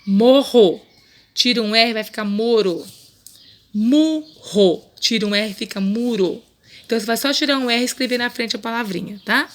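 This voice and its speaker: A woman with a Brazilian accent teaching a remote lesson to young children, patient and coaxing, slowly repeating each word. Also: a little high, steady tone, sharp tone. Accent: Brazilian Portuguese. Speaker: primary school teacher.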